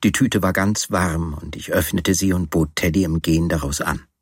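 A man reading from a novel on the radio in a calm, measured storytelling manner. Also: low voice, slightly rough, dry recording. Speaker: reader. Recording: dry studio.

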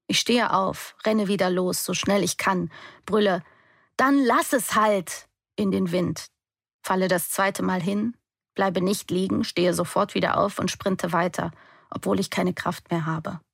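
Low gravelly young woman narrating. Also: fairly even intonation, measured pace, no room sound, clean studio sound. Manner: intense, emotional reading. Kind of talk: first-person audiobook narration.

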